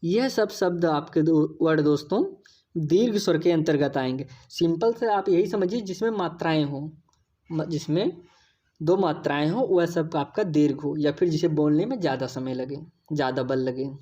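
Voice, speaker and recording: Mellow-voiced woman teaching a lesson. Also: deep voice, normal speed. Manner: explains patiently, repeats key points, addresses viewers as friends. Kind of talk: exam-prep lesson.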